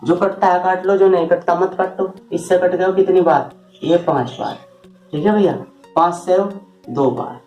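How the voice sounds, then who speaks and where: A man's voice: sits high, steady tone, moderate pace, darkish tone, roomy sound, highs cut off, soft background music. A man teaching a math lesson at a board, talking informally and often asking his students rhetorical questions as he works through each step. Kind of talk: board lesson explaining shortcuts.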